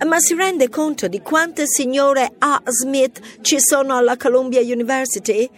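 A woman voicing a brisk female mouse who teaches literature, firing off incredulous questions in a storybook reading. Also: high voice. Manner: quizzical, rattling off questions.

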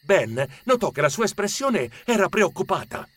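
A man narrating a children's story with expressive storytelling. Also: sits high, normal speed, no echo.

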